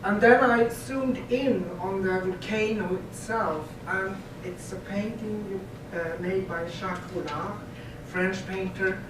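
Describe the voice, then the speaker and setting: A middle-aged Swedish man presents as an artist, speaking hesitantly with a Swedish accent and a weak, cold-affected voice. He sounds far from the microphone in an echoey room, with loud rumbling noise. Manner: halting, hesitant delivery in non-native English. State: has a cold, weakened voice. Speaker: visual artist giving a presentation. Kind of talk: informal artist talk to an audience.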